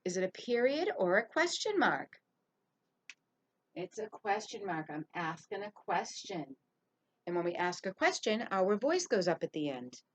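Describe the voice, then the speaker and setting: A woman teacher leads young children through reading sentences and skywriting letters. She speaks slowly and clearly at a middle pitch, drawing out each word. Her tone stays encouraging throughout the video lesson. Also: very animated. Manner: slow, clear, encouraging, drawn-out words.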